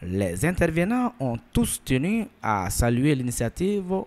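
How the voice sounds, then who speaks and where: A man's voice: medium pitch, huge pitch swings, measured pace, a little mellow. A man reading a scripted news voice-over in a formal manner. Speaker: news narrator.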